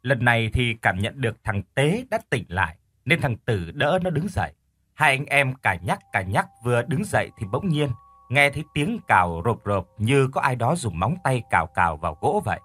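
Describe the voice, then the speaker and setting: A man narrating a horror story in an expressive, dramatic way. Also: medium pitch, normal speed, slightly rough, no room sound.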